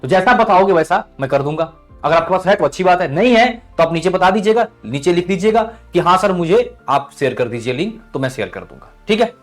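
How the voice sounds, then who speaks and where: A man's voice: high voice, expressive, brisk, soft background music. A male chemistry teacher giving an exam-prep lesson, calling students "beta" and checking in with "thik hai?" after each point.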